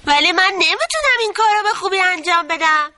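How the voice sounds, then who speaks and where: A shy little forest critter from a children's story, as a woman puts it on, hesitant and childlike. High and bright. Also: animated, no room sound, heavily acted. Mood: wondering. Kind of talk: storybook reading.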